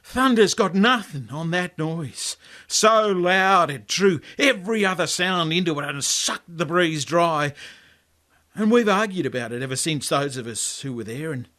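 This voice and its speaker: An Australian man unhurriedly reads a laconic, colloquial first-person yarn of his own. His voice sits on the high side, expressive and sharp in tone.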